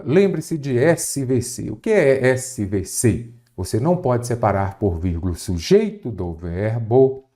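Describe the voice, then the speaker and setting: A Brazilian man whose voice is on the low side and mellow gives a lesson preparing students for a Portuguese exam. Methodical and didactic, he explains gradually and often directs questions at the viewer.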